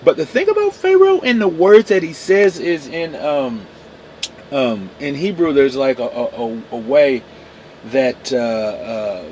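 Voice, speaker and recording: A man hosts a daily Bible devotional podcast in a relaxed, casual style. His mid-range voice is a little mellow, with lively intonation and a measured pace, and he often says "man" and corrects himself as he goes. There is slight background noise.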